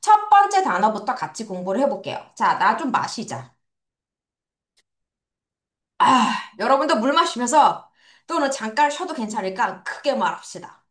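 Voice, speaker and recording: A woman's voice: on the high side, sing-song, normal speed, pauses often, a bit bright. A woman teaching English vocabulary to children, drilling pronunciation with playful sound words. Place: academy classroom or studio. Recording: echoey room.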